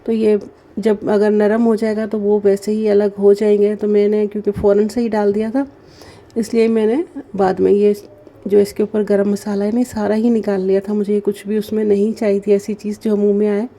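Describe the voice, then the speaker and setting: A woman, narrating her daily routine vlog slowly and gently because of a sore throat. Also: medium pitch, level tone. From Pakistan. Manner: slow, gentle and chatty, with many fillers. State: sore throat, speaking softly. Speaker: vlogger. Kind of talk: casual voice-over narration.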